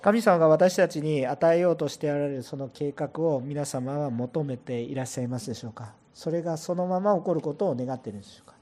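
A man preaching a sermon to a church congregation as pastor, animated and asking listeners rhetorical questions. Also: a little high, a little fast, few pauses. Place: church service before a congregation.

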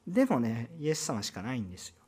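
Preaching in a church with a Kansai Japanese accent, this pastor has a mellow, husky voice whose pitch swoops wildly. His sermon stays conversational, full of rhetorical questions and quick asides aimed at the congregation.

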